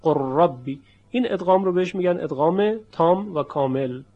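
A man teaching a tajweed lesson, explaining merging rules patiently and demonstrating each sound slowly and emphatically. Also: sits high, expressive, muffled recording. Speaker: Quran recitation teacher.

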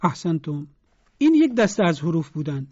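A Quran pronunciation teacher giving a broadcast lesson, spelling out sounds slowly and deliberately for listeners to repeat. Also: medium pitch, very animated, darkish tone, no room sound, muffled recording.

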